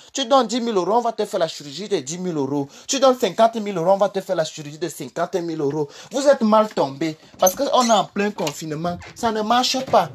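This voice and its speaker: A man with a Cameroonian French accent ranting on a livestream in a mocking, insulting way, repeating his jabs and delivering them in a honeyed tone. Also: sits high. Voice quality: honeyed, sweet-toned insults. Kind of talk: livestream rant.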